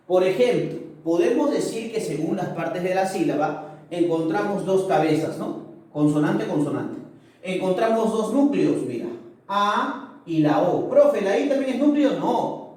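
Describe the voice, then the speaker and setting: A man's voice: high-pitched, a little mellow. A male language teacher explaining a lesson and checking understanding with frequent tag questions. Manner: explanatory, keeps asking "¿correcto?". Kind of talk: recorded video lesson. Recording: very echoey room, mic far off.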